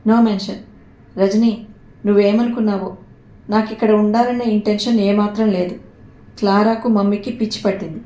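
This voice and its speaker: A woman's voice: medium pitch, steady tone, moderate pace, pauses often, warm tone, echoey room, rough recording. A woman narrating an audio novel, reading both the story and the characters' dialogue aloud.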